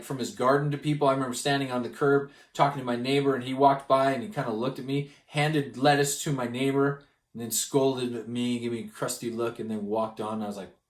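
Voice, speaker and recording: A man telling a personal story as a gospel study lesson, animated and expressive, acting out the people he talks about. His voice sits at an ordinary middle pitch. The room around him rings with noticeable echo. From Canada.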